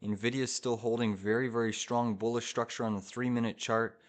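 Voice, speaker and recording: A man's voice: medium pitch, flat delivery, a little fast. Hyped, urgent male live trading streamer. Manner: urgent, hyped, repeats short phrases and urges the market on. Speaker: live-streaming day trader, host. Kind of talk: live trading commentary to viewers.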